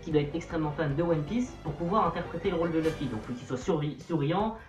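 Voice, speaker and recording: A man's voice: on the high side, fast talker, music in the background. Chatty young man in an echoey room. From Portuguese-Brazilian family background. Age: young adult. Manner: chatty, playful self-mocking irony. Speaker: youtuber. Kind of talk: casual vlog to camera.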